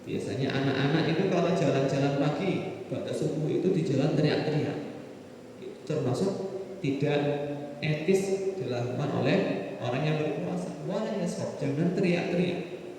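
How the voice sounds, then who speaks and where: Man, Javanese accent, sermon, slightly high voice, mellow, far from the mic, booming hall echo. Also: moderate pace, a little hiss or hum. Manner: conversational, asks the audience questions. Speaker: preacher. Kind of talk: mosque sermon. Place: mosque hall.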